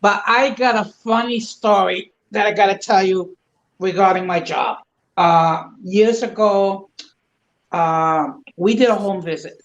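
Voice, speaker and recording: A woman telling a work story in casual chat in a lively, wry manner. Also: mid-range voice, unhurried, reverberant, highs cut off.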